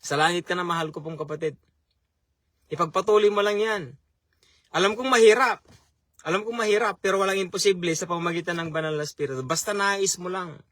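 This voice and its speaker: Bright high-voiced male preacher. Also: fast talker, no room sound, clean studio sound. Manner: repeats key phrases for emphasis. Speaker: chaplain and preacher. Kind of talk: sermon.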